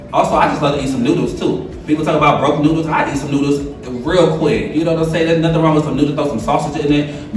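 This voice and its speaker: Sassy man in his thirties, echoey room. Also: mid-range voice. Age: 30s. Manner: sassy, lively, joking. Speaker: reality show cast member. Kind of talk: casual self-introduction. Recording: echoey room, distant mic.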